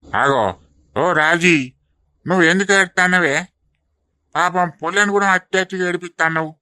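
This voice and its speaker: A performer voicing a gruff old village grandfather in an animated comedy, blunt and chiding. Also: medium pitch, moderate pace, no room sound, close to an everyday voice.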